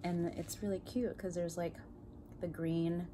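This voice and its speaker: A woman hosting a mukbang video, chatting playfully and joking between bites, sometimes dropping into soft whispery asides. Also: fairly low pitch, level tone, a little slow, noisy background. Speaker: host. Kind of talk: casual mukbang chat while eating.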